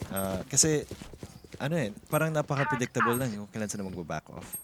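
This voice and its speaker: An esports caster with a Filipino accent delivers live game analysis, switching between two languages. His medium-pitched voice is animated and quick. The audio is noisy and has clicks.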